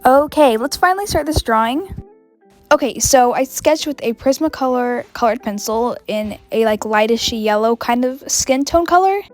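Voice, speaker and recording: A woman's voice: a little high, lively intonation, normal speed, faint music behind. Bubbly woman with a cold narrating art. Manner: bubbly and gushing. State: has a cold. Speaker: art vlogger. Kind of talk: casual voice-over narration of a drawing.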